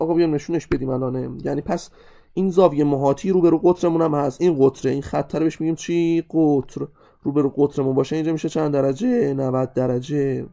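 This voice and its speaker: Mellow-voiced animated male math teacher. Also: fairly high pitch, gravelly. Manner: animated, keeps addressing students directly. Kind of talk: exam-review lesson.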